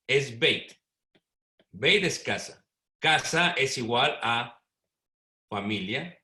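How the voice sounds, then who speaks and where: Male Bible teacher, slow and deliberate, keeps quizzing the class, echoey room. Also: medium pitch, pushed and bright. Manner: quizzing the audience with "¿ok?" and "¿qué?". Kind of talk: virtual seminar teaching.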